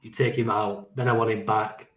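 A man's voice: fairly low pitch, level tone, moderate pace. A man co-hosting a fantasy football podcast, talking in a casual, joking way. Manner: casual, swears, laughs easily. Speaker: podcast co-host. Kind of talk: casual chat. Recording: roomy echo.

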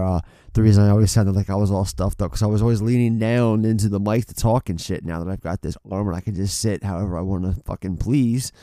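A man with a lowish, mellow voice and a stuffy head cold co-hosts a casual film podcast, rambling with lots of fillers and casual swearing. He speaks into a desk mic on an arm, and the recording sounds dry.

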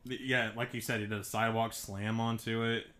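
A man's voice: on the low side, flat delivery, brisk, a bit bright. A man co-hosting a podcast, recapping a wrestling match move by move in a laid-back way. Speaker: podcast co-host.

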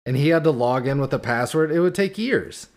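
A man's voice: a little high, expressive, fairly quick. A man in casual movie chat as a podcast co-host, rambling and tossing out questions.

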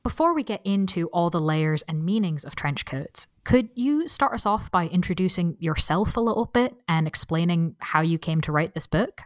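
Woman interviewer, lowish voice, polite and gently enthusiastic, close dry recording. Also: animated, moderate pace, hardly any pauses, dry recording. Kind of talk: podcast interview.

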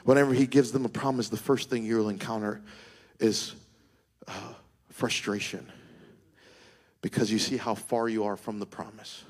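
A middle-aged male pastor preaching a sermon, moving from quiet reflection to shouted, sing-song calls to the congregation. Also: on the low side, steady tone, moderate pace.

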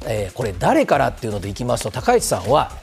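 A man's voice: mid-range voice, wildly swooping pitch, fast talker, vocal fry, faint music behind. A man explaining politics on a TV talk segment, polite and formal, with many fillers. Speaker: political commentator.

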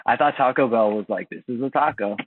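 A man from Indiana chatting casually as a podcast host, halting with many fillers and restarts. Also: mid-range voice, dry recording. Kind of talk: casual chat. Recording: dry, phone-like, husky sound.

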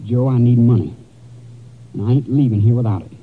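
A man's voice: medium pitch, brisk, natural voice. A man playing a broke, whining, menacing gambler in a radio melodrama. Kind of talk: old-time radio melodrama acting. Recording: muffled, noisy vintage radio recording.

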